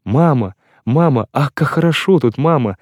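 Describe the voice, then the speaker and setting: A man voicing a small boy in a read-aloud story, calling out with excited delight. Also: medium pitch, a little slow, no echo, studio quality. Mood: joyful. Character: small freezing boy, joyful and amazed.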